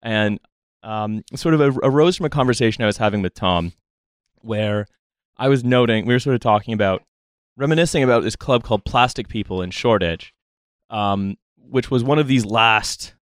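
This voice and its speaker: A man around thirty hosting a casual roundtable, talking in a wry, rambling, halting way. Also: medium pitch, no echo, clean studio sound. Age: late twenties to early thirties. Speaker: podcast host. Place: small studio, around a table.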